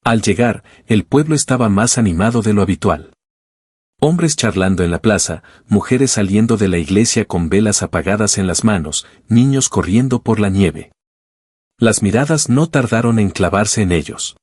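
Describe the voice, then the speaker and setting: A man narrates a scripted story in an even, measured reading. His voice sits low with a husky texture. The recording is dry and close, with no room sound. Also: no room sound.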